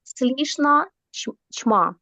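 High-voiced woman learner, unsure, sounding words out, dry sound. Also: expressive, drawn-out words, bright, forceful tone, no room sound, highs cut off. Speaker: student. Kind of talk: reading aloud in class.

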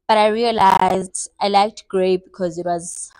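A playful South African woman in her twenties talks straight to her viewers in a relaxed, self-mocking get-to-know-me vlog. Her voice sits at an ordinary middle pitch. The sound is dry and close, with no room echo. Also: a little slow. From South Africa, Eastern Cape. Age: 20s. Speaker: vlogger.

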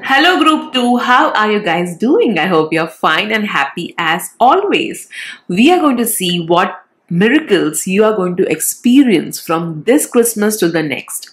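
A woman's voice: mid-range voice, very animated, measured pace. Nasal woman with a cold. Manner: reassuring check-in tags like "all right", "okay". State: has a cold. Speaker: tarot reader, channel host. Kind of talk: casual pick-a-card reading to viewers. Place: indoors, at a decorated tabletop.

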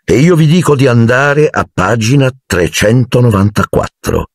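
A man's voice: mid-range voice, expressive, normal speed, dry recording, studio quality, voice pushed up, natural voice. A man voicing a cold, sneering male teacher who speaks with icy, silky menace in an audiobook. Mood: icy contempt.

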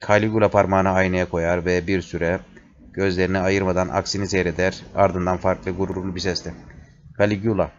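A man slowly reading a play aloud, including the stage directions, in a measured way. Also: low-pitched, little pitch movement. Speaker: reader. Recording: dull lo-fi recording.

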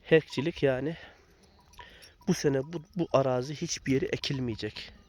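A man, a little hoarse and phlegmy from a sore throat, explaining things plainly as he vlogs casually from his pasture as a goat herder. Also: mid-range voice, fairly even intonation, normal speed, a little mellow. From Turkey, a village in Tokat province. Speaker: goat herder and video blogger. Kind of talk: casual outdoor vlog to viewers. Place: open pasture outdoors in the countryside. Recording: noisy outdoor recording with livestock sounds. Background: goats and animal sounds, outdoor noise.

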